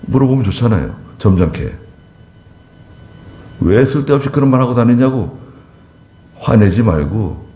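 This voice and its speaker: Dark-voiced pastor with lively delivery. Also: male voice, medium pitch, moderate pace, pauses often, echoey room. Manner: conversational, acts out dialogue. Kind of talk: sermon. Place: church.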